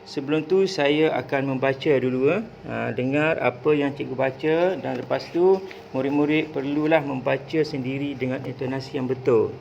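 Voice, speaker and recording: A male primary school teacher, giving a clear, explanatory recorded lesson with "ah" fillers. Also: medium pitch, steady tone, normal speed, darkish tone, highs cut off, slight background noise.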